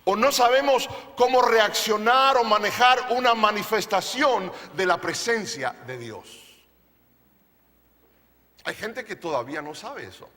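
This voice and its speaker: A man with a high, bright, ringing voice preaches to his congregation at an unhurried pace. He leans on emphasis, tosses rhetorical questions at the room and slips in jokes. The sound carries a long church-hall reverb. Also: lively intonation. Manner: playful, jokes with the audience. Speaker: pastor. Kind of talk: sermon. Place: church service.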